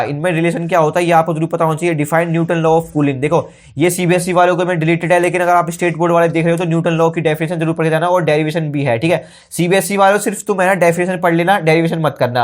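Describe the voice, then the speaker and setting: A young man rattles through exam tips at a very fast clip. His voice sits a little high for a man, and his tone is casual and brotherly. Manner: brisk, informal, keeps saying brother and okay. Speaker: teacher.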